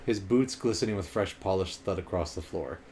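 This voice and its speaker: A man's voice: low-pitched, crowd noise, lightly acted. A man reading as a haunted young elf wizard. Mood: somber. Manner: quiet, measured storytelling.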